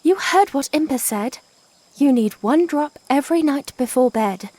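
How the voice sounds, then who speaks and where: A woman playing a young, teasing, caring and bossy princess in a fantasy audio drama, measured and playfully insistent. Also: high voice, animated, warm tone.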